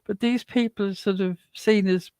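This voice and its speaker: A woman's voice: mid-range voice, steady tone, moderate pace, darkish tone, clear, resonant tone, no echo. A woman co-hosting a livestream, chatting casually and reading out comments from the live chat. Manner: rambling, chatty, laughs often. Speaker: livestream co-host.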